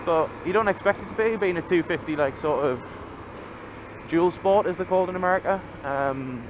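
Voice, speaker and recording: Man chatting inside a helmet, loud road noise. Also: sits high, moderate pace. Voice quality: muffled, enclosed sound of speaking inside a helmet. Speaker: motorcycle vlogger. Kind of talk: casual chat while riding. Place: outdoors on a moving motorbike, inside a helmet. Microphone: microphone inside a helmet.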